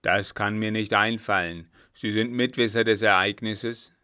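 A man's voice: lowish voice, steady tone, a little slow, pushed and bright, clear, resonant tone, dry recording, clean studio sound. A man doing a cold, unyielding captain. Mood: cold firm. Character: cold-blooded stubborn army captain.

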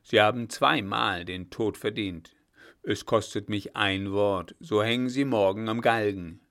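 Man voicing a gruff old field marshal, booming and scolding, storybook reading, low voice. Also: slow pace, a bit bright. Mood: blustering. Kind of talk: audiobook reading.

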